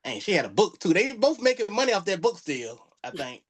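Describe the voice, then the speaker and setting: A man's voice: sits high, sing-song, fairly quick, breathy edge. Joking Southern man on a podcast. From Florida. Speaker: comedian guest. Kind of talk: casual podcast chat.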